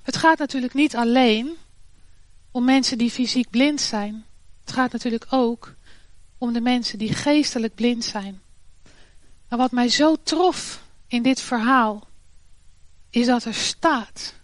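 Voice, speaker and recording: Earnest woman giving a slow devotional talk. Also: on the high side, no room sound. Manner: earnest, with hesitations and restarts. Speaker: devotional speaker. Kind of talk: devotional talk with scripture reading.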